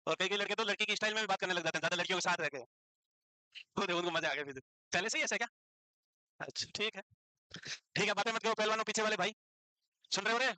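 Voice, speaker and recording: A male teacher lectures a classroom, quizzing his students while teasing and scolding them. His high voice is bright and forceful. The recording is dry, close and rough, with no echo.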